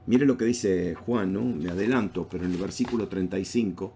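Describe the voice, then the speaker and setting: A man with a low, mellow voice leads a Bible study lesson. He teaches in a loose, conversational way, stopping to restart phrases and asking his listeners rhetorical questions. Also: a little fast, a little hiss or hum.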